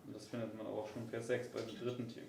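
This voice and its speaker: Low, flat-voiced male interpreter. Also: quick pace, gravelly. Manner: steady and flat, with many "äh" fillers. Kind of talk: consecutive interpreting. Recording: roomy room with faint hum.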